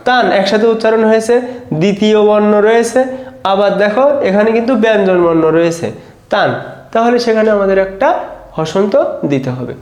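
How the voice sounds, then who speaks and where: Man, teacher, high voice, patient step-by-step explaining, roomy echoey sound. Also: darkish tone. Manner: patient, step-by-step, keeps saying "look". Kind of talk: exam-prep grammar lesson.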